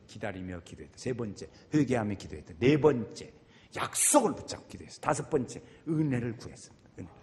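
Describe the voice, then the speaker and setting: A man preaching a sermon as pastor, leading the congregation in shouted prayers and talking in an animated, energetic way. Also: fairly low pitch. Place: church sanctuary. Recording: long hall reverb.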